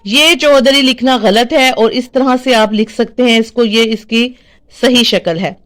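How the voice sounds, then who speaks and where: Woman teacher, Pakistani Urdu accent, unhurried and hesitant delivery, slightly high pitch. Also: a bit bright. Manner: hesitant, with frequent fillers and restarts. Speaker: teacher sharing word corrections. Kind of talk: informal spoken lesson.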